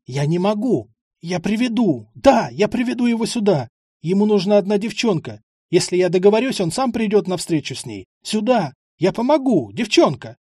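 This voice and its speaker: A man voicing a panicked, burly male bandit who yells and begs in a shrill, strained voice. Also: lively intonation, moderate pace, creaky, hardly any pauses, husky, dry recording, clean studio sound, full character voice. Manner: shrill, yelling and begging.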